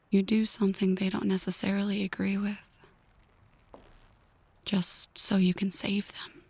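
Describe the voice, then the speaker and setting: With a mid-range, dark-toned voice and no room sound, a woman performs an ASMR roleplay as a brooding, possessive mafia boss. She speaks in a breathy whisper, slowly and deliberately, intimate with a single listener.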